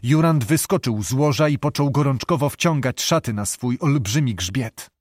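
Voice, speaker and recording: A man narrating a historical novel in a measured, steady storytelling voice. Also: mid-range voice, no room sound. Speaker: audiobook narrator. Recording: dry close studio sound.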